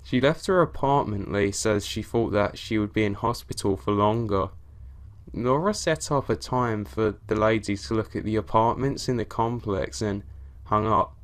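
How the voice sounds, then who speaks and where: A man reading out scripted horror stories in a steady, even storytelling delivery. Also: fairly low pitch, moderate pace. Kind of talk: scripted narration of reader stories.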